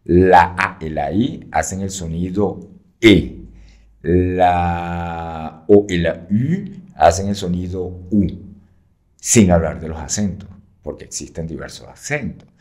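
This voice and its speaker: A man's voice: low-pitched, measured pace, darkish tone. A man who teaches French, explaining patiently in an interview, with frequent fillers and checks like "right?".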